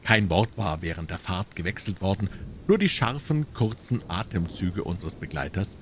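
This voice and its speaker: A man reading a classic detective story aloud in a relaxed, expressive audiobook narration. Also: deep voice, normal speed, slight background noise. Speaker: audiobook reader. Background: ambient soundscape.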